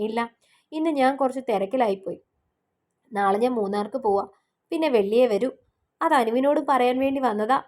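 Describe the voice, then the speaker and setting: A woman's voice: fairly high pitch, brisk, long pauses, darkish tone, close to an everyday voice. Shy young man, read by a woman.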